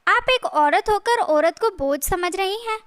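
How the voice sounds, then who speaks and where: A woman's voice: extremely high pitch, animated, unhurried, a bit bright, no room sound, exaggerated voice. Woman doing a distressed young wife: pleading, earnest, dry close sound.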